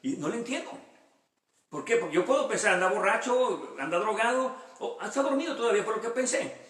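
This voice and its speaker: A male pastor teaches a Bible study in a high voice, talking fast with big swings in pitch. He reads verses, then unpacks them with personal stories in a conversational style full of rhetorical questions, recorded from a distance in an echoing room.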